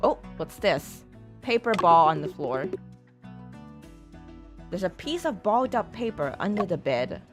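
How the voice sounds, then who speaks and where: A woman's voice: on the low side, very animated, a little slow, pauses often, music in the background. A woman streamer giving casual game commentary, reading on-screen text aloud and swearing now and then.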